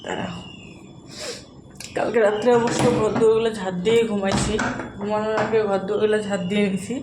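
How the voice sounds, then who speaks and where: A woman's voice: medium pitch, flat delivery, quick pace, noisy background. A young woman, narrating a casual home vlog while doing chores, chatty and talking to her child. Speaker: vlogger.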